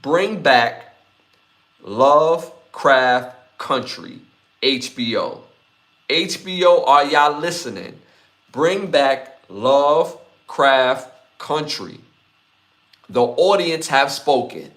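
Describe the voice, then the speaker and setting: This podcast host in his forties speaks extremely slowly, leaving long pauses, his mid-range voice lively in intonation and a bit bright. Doing solo commentary, he addresses the live chat head-on, repeating emphatic appeals.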